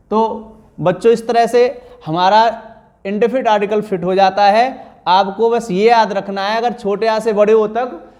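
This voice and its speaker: A man's voice: sits high, darkish tone. A male teacher explaining grammar to pupils in a classroom lesson, drawing out words and repeating the answers.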